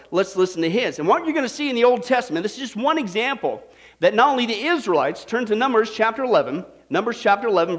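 A man preaching a sermon as pastor, animated and full of rhetorical questions that he keeps checking with "okay?". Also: very high-pitched.

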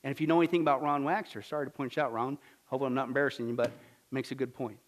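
A man's voice: medium pitch, steady tone, rapid-fire. A man preaching a sermon as a pastor, emphatic and exhorting, with rhetorical questions and short, punchy repetitions.

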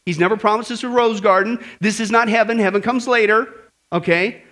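A man preaching a sermon as pastor in a church, lively and conversational, acting out voices and asking the congregation questions. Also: sits high, fairly quick. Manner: animated, acts out grumbling voices and asks the audience questions.

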